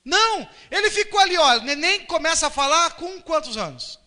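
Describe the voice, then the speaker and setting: A Brazilian pastor with a high, bright voice and a Brazilian Portuguese accent preaches a sermon from the pulpit of a church hall, speaking a little fast. He is animated, swinging his voice widely as he acts out little scenes, quotes and voices, and a long church reverb trails after his words.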